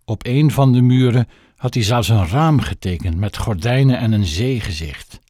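Expressive male audiobook narrator. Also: medium pitch, normal speed, dry recording, clean studio sound. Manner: expressive storytelling. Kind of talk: scripted narration.

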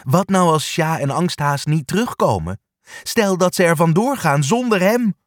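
A man reading a children's story aloud with an expressive, animated manner. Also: fairly high pitch, moderate pace, no echo, studio quality.

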